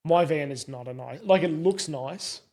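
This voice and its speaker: A man's voice: on the high side, normal speed, a little mellow. A man with a broad Australian accent chatting casually, in a laid-back, colloquial and self-deprecating way. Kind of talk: casual car chat.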